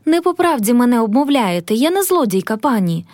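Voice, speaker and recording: A woman reading the part of a gentle, humble old peasant woman who speaks meekly and kindly. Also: on the high side, sing-song, a little fast, no echo, studio quality. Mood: meek pleading. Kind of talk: audiobook character reading.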